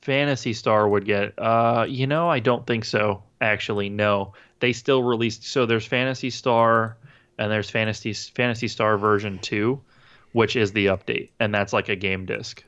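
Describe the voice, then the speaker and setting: A low-voiced man with a gravelly edge co-hosts a casual gaming podcast, rambling through his points with plenty of fillers, restarts and swearing. His voice comes through a dull, lo-fi remote recording. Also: steady tone, normal speed, a bit bright. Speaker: podcast co-host.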